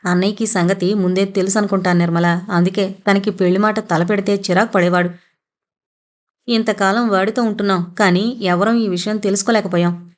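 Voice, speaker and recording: A woman's voice: mid-range voice, steady tone, a little fast, lightly acted. A woman reading an audio novel, voicing a young man holding back tears over his brother. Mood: grieving. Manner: sorrowful, restrained.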